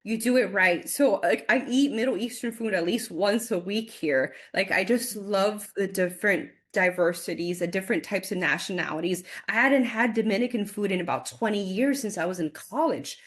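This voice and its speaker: Chatting with lively energy as a guest in a casual interview, a woman in her forties laughs often and repeats words when she gets excited. Her voice sits in the mid range, moving at a normal speed with hardly any pauses.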